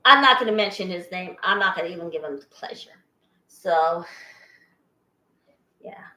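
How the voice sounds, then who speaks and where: A woman's voice: on the low side, expressive, normal speed, pushed and bright, reverberant. An older woman born in Boston to an Armenian family, chatting in a rambling way and laughing often as she hosts a cooking vlog in her home kitchen. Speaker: cooking channel host. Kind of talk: casual cooking vlog chat.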